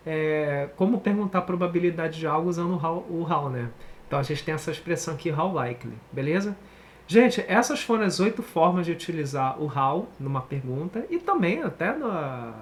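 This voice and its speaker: A man with a Brazilian Portuguese accent giving a casual online English lesson, chatty and animated, often checking in with the viewer. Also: on the high side, a little hiss or hum. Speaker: English teacher.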